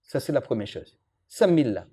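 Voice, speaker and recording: A man gives a relaxed religious lesson. His voice swings widely in pitch, and he often turns to question and tease the people listening. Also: normal speed, slightly rough. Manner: lively, jokes with and questions the audience. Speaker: imam teaching a religious lesson.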